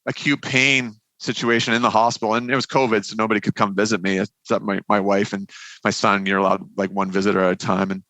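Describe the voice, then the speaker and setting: A man's voice: fairly low pitch, level tone, quick pace, bright, forceful tone, no room sound, low-quality recording. A man telling his story casually as a podcast guest, talking through his teeth with little mouth movement.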